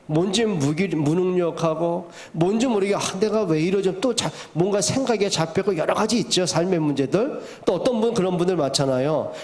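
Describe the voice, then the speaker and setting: Lively high-voiced male pastor preaching. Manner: rhetorical questions, emphatic repetition. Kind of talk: sermon.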